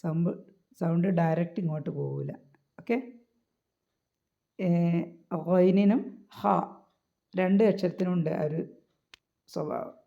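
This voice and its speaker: A woman's voice: fairly low pitch, steady tone, unhurried, vocal fry, long pauses, dull audio. A woman teaching how to pronounce Arabic letters for Quran recitation, patiently repeating points and checking with her listeners. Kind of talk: explanatory lesson.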